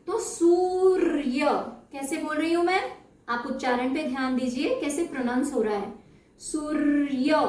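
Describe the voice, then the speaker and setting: A woman with a high voice teaches children, speaking slowly and stretching out syllables to model their sound. She keeps checking that they follow along. The recording is roomy and echoey, with her voice set back from the mic. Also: darkish tone. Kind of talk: slow explanatory lesson. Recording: echoey room, mic at a distance.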